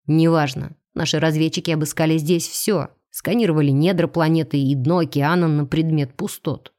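A woman's voice: low voice, fairly even intonation, moderate pace, darkish tone, pitched below the performer's own voice, lightly acted. A woman reading an audiobook, voicing a cold, commanding male alien starship captain. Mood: stern.

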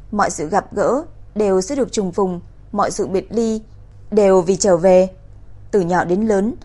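A woman reading a crime novel aloud in an even, steady storytelling voice. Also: medium pitch. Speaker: narrator. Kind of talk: audiobook narration.

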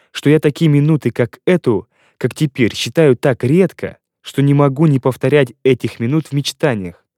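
A man narrating a classic novel in the first person, with ardent and expressive delivery. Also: mid-range voice, no room sound, clean studio sound. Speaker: audiobook narrator.

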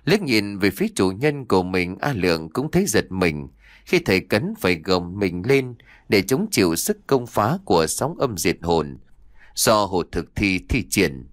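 A man narrating a fiction audiobook in an expressive storytelling manner. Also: low-pitched, unhurried, no room sound, clean studio sound.

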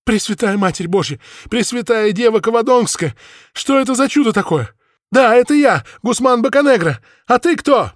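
A shrill, panicked captive. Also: male voice, expressive, normal speed, no echo. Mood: desperate. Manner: shrill, pleading cries. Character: terrified male Spanish captive crying for help.

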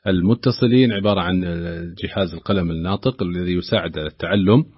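Very fast-talking, husky male radio host. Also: low voice, no room sound. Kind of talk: live radio presenting. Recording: dull, lo-fi radio broadcast.

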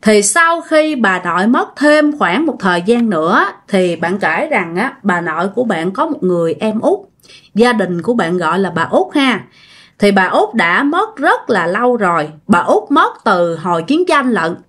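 A woman's voice: medium pitch, very animated, moderate pace, a bit bright. A woman, casually retelling a ghost story in a conversational way, with trailing fillers at the ends of her phrases.

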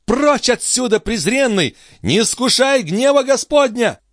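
A man voicing a proud young noblewoman, distraught and furious, crying out in a raised falsetto. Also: animated, brisk, no echo, clean studio sound, lightly acted. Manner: shrieking, sobbing cries in a raised falsetto. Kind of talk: dramatic audiobook reading.

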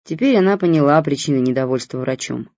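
A narrator reading a story aloud in calm scripted narration. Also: medium pitch, quick pace, dry recording. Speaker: audiobook narrator. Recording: dull dry audiobook recording.

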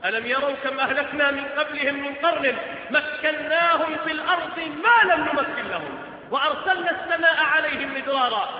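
A man preaching a Friday sermon in declamatory oratory, swinging between hushed lines and loud, ringing proclamations with emphatic repetition. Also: very high voice. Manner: rhetorical questions and emphatic repetition. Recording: muffled recording in a hugely echoing hall.

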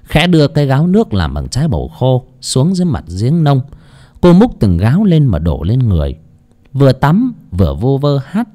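Dramatic male storyteller with a warm, mellow voice. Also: mid-range voice, huge pitch swings, normal speed. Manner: dramatic, rising and falling with the action. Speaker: audiobook narrator. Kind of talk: scripted storybook narration.

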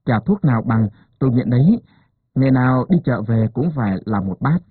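A man's voice: mid-range voice, animated, brisk, husky, no echo. Grumpy old village midwife lady grumbling, guy doing her, dry phone-ish audio. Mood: muttering. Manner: scolding, grumbling. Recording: narrow phone-like sound.

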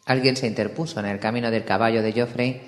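A man's voice: medium pitch, fairly even intonation, fast, faint music behind. Man narrating in an echoey room. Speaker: audiobook narrator. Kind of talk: audiobook reading. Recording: echoey room with long reverb, faint hiss.

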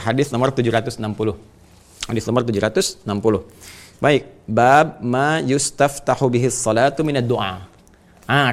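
Gravelly man teaching an Islamic lesson. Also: mid-range voice. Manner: casual explaining with lively prayer passages. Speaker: religious teacher.

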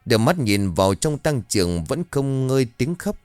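A man's voice: medium pitch, very animated, moderate pace, darkish tone, smooth, dry recording, faint music behind. A man reading a horror story aloud in a dramatic, storytelling manner. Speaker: narrator. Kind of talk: scripted horror story narration.

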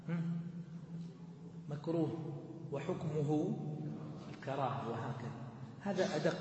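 A man's voice: medium pitch, darkish tone, a little hiss or hum. A man teaching in a very echoey hall. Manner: methodical, asks rhetorical questions and answers them. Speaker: teacher of a religious text. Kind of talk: explaining a classical text to students. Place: large mosque hall. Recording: echoey hall with long reverb.

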